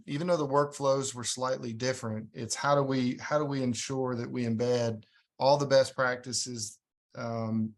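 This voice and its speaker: A man guest in a podcast interview, speaking conversationally and often repeating words as he thinks. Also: medium pitch. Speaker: guest, hospital program leader.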